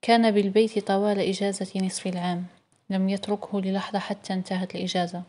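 A woman reading the lines of a tired, pregnant young woman in an audiobook story, soft and weary. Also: medium pitch, little pitch movement, fast talker, close to an everyday voice.

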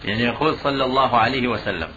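A man's voice: mid-range voice, very fast, bright, forceful tone, a little hiss or hum. A man calling in to a radio show, answering in short compliant acknowledgments. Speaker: caller. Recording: muffled radio with crowd behind.

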